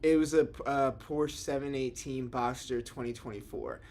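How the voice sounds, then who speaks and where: A young man chats casually as a podcast host, rambling and restarting his sentences, his voice at an average pitch. A faint hiss of noise sits under the recording. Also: steady tone, moderate pace, a little mellow. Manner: rambling, restarts a lot, says dude and like. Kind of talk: casual chat.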